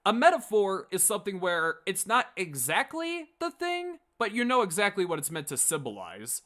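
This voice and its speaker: The host of a late-night pop culture commentary show talks informally and opinionatedly, rambling in a stop-start, emphatic way. His high voice swings hugely in pitch and has a bright, forceful tone, at a moderate pace.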